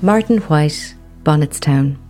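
Woman narrator, low mellow voice, faint music behind. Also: lively intonation, slow. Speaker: podcast narrator. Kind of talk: scripted narration.

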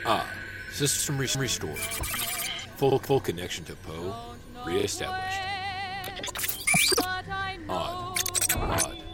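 A man voicing a glitching male cyborg system that reboots, speaking in halting, robotic status reports. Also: mid-range voice, wildly swooping pitch, loud music behind the voice, voice pushed up. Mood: glitchy.

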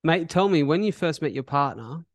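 A man's voice: on the high side, expressive, moderate pace, dry recording. An Australian man hosting a podcast, chatting casually and enthusiastically with a sweary, affirming manner into a close microphone. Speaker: podcast host.

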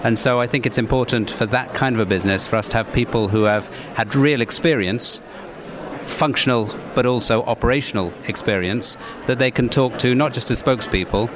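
A man giving measured, businesslike interview answers as a corporate executive. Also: mid-range voice. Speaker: investor relations executive, interviewee. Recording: busy crowded event, background chatter. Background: crowd noise.

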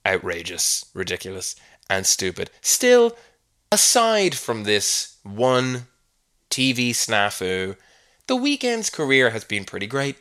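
A man's voice: lowish voice, bright, forceful tone, clean tone. A man hosting a comedy podcast, delivering a scripted monologue with mock-exasperated, sardonic asides.

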